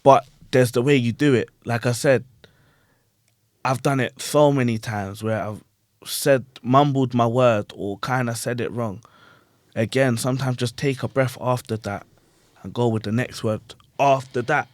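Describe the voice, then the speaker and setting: In an unhurried, mid-range voice, a podcast host who is also a grime MC chats about performing. He's animated and slangy, keeps checking on his guests, and often repeats "you get what I'm saying." The studio-quality recording has no echo.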